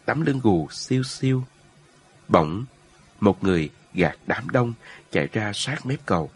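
A man with a husky voice reading a story aloud in an expressive, emotional way. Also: fairly low pitch, measured pace. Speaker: narrator.

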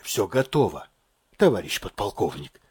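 Man doing a jittery young sergeant, stammery, slow. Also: high-pitched, expressive, darkish tone, no room sound, clean studio sound, pitched above the performer's own voice. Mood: subdued. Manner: hesitant, stammering. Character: nervous young male army sergeant.

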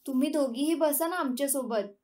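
Caring middle-aged mother, as a woman reads her, fairly high voice. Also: a little fast, darkish tone, close to an everyday voice. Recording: distant from the mic.

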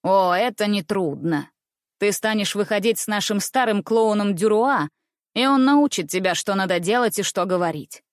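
A woman's voice: mid-range voice, moderate pace, dry recording, clean studio sound, lightly acted. A woman reading aloud, voicing a genial, commanding stout male circus director in a storybook. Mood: businesslike.

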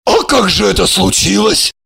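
Man doing a storybook manager, high, raspy and slow, jealous and easily alarmed. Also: animated, heavily acted. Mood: flustered angry. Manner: shouting, bewildered, mumbling.

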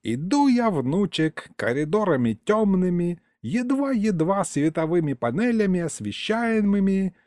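A man's voice: sits high, very animated, dark tone, no echo, clean studio sound, pitched above the performer's own voice. A man putting on a rambling folksy old grandpa. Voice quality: drawn-out, sing-song old-man storytelling. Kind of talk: audiobook character voice.

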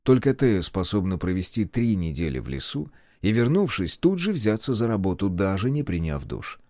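A man narrating a novel in a measured, expressive reading. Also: lowish voice, dry recording, studio quality. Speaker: audiobook reader. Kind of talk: scripted narration.

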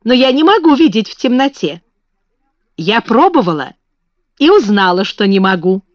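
Woman voicing a brave kind girl, earnest, a touch higher, storybook reading, dull audio. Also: big pitch swings, moderate pace, no room sound. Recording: dull lo-fi recording.

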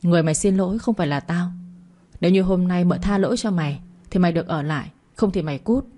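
A cold, commanding young husband snaps out curt orders, voiced by a woman reading a story. The tone is low and mellow, close to the reader's own voice. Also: fast, natural voice. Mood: stern. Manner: curt and harsh.

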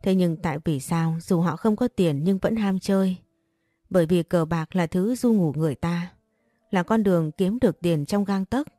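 A woman narrating an audiobook-style story for her channel in a measured, calm way. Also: on the low side, dry recording, studio quality. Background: faint music.

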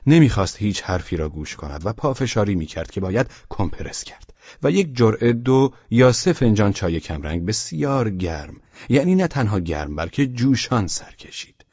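Deep, husky male audiobook narrator. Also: very animated, a little mellow, no room sound, dull audio. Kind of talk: scripted narration of a novel.

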